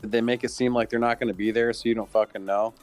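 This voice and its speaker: A man's voice: mid-range voice, level tone, quick pace, a little mellow, soft background music. A man co-hosting a game stream, bantering in a laid-back, teasing way. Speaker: stream co-host. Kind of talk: casual chat.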